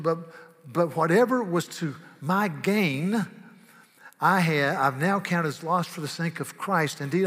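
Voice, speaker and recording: A man preaching a sermon, animated, swinging from loud bursts to hushed asides. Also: a little high. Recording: long reverb of a large hall.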